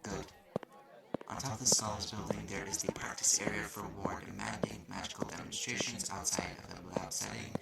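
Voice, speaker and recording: In an audio roleplay addressed to the listener, a man plays a haughty, slightly mean magic-university student who explains things curtly and condescendingly. His voice is lowish with little pitch movement, a slightly fast pace and vocal fry. The recording is reverberant and noisy, with clicks.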